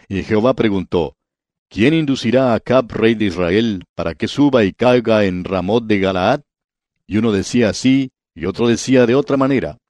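A man with a low voice teaches a Bible study on the radio. He reads scripture aloud, then explains it and speaks straight to the listener. The sound is dry and close. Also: darkish tone, dry recording.

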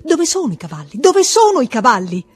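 A woman's voice: mid-range voice, animated, moderate pace, darkish tone, husky, faint music behind. A woman reading aloud, voicing a torn young married woman who pleads in a rising, urgent voice. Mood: pleading.

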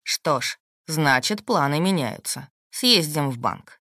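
Woman voicing a calm, shrewd husband. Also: low-pitched, takes it slowly, dry recording, voice pushed down, full character voice. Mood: calm, firm. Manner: steady, dry, matter-of-fact. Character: calm, shrewd, protective husband, adult man. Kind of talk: audiobook character voice.

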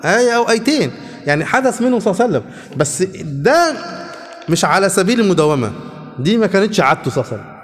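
A man's voice: sits high, big pitch swings, very fast, long reverb tail, soft background music. A man with an Egyptian accent teaching a religious lesson as a sheikh, often asking his students questions. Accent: Egyptian Arabic.

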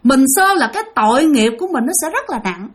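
A woman's voice: high-pitched, big pitch swings, quick pace. Chatty woman storyteller. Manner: chatty, addresses listeners directly. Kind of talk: spoken ghost storytelling.

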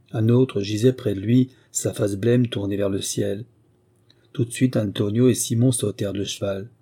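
Husky, mellow-voiced male narrator. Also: medium pitch. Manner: steady storytelling, lifting his voice for the characters' exclamations. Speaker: audiobook narrator. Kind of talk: scripted narration of a classic novel.

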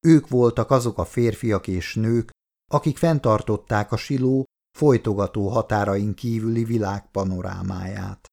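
Brief: male audiobook narrator, low, gravelly, calm and measured.

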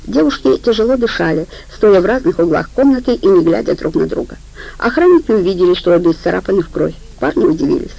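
Female audiobook narrator; gravelly, darker timbre, steady storytelling. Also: mid-range voice, fast, rough recording.

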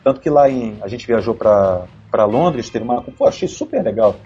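Male dubbing director, lively pitch, slightly dull recording with faint music. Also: normal speed. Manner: animated storyteller, acts out voices and laughs often. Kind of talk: casual podcast chat.

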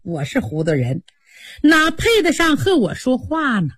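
A woman voicing a sharp-tongued, jealous young maid who talks in a sneering, scornful way. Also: high-pitched, big pitch swings, a little slow, husky, dry recording, clean studio sound, heavily acted.

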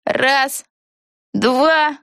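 A woman's voice: sits high, very slow, creaky, fairly bright tone, no room sound, studio quality, pitched above the performer's own voice, heavily acted. A woman voicing a kind young girl witch who doubts herself, speaking modestly in a storybook reading. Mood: doubtful. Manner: modest, hesitant.

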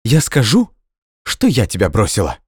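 A man voicing a hysterical young woman who shouts through tears in an audiobook. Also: huge pitch swings, moderate pace, husky, no room sound, clean studio sound, exaggerated voice. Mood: furious, tearful. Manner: shrill, sobbing outbursts.

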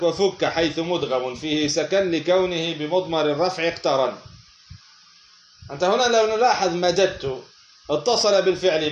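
Guy teaching arabic grammar, kinda high voice, asks then answers himself, dull echoey recording. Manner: asks questions then answers them himself, repeats words slowly. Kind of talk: lecture on a grammar text.

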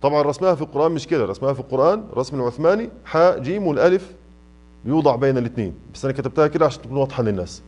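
A Quran recitation teacher with an Egyptian Arabic accent gives a tajweed lesson in a mosque classroom, drawing out his examples and quizzing students. His mid-range, darkish voice is animated and very fast, and the recording lacks high frequencies.

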